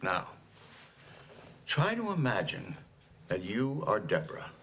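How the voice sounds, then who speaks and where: A patient therapist who probes with gentle questions. His voice sits low and moves in lively swings, with faint noise behind it. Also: slow pace, exaggerated voice. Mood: earnest. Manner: gentle, probing.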